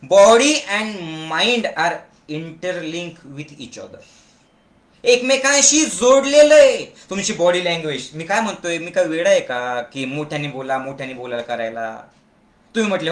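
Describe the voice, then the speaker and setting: High, bright-voiced man exhorting a crowd. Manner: forceful, exhorting, urges listeners to shout back; mixes Marathi with Hindi and English phrases. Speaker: motivational meditation camp leader. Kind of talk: motivational speech to an audience. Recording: echoey room.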